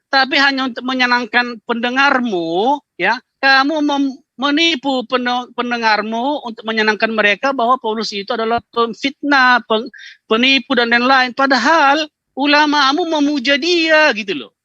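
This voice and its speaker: A man's voice: very high voice, normal speed, pushed and bright, no room sound, lo-fi sound. A man arguing his side in a heated online debate over a video call, lecturing and combative.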